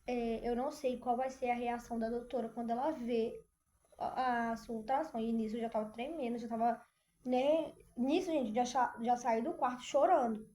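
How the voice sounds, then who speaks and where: A young woman from Brazil telling a personal story in a lively way, speaking straight to her viewers and often breaking off with fillers and restarts. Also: on the high side. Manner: animated, addresses viewers as "gente", many fillers. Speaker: vlogger.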